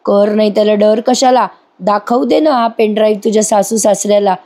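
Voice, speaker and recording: A woman's voice: medium pitch, brisk, warm tone, natural voice. A woman reading a scornful scheming older woman. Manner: accusing, scornful. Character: scheming older woman accusing a young bride.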